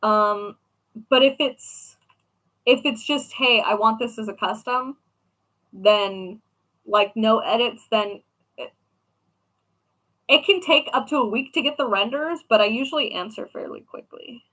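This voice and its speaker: A woman's voice: fairly high pitch, a little slow, long pauses, fairly bright tone, low-quality recording. A young woman and craft shop owner chatting casually with viewers, rambling along with lots of fillers. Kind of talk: casual chat answering viewers.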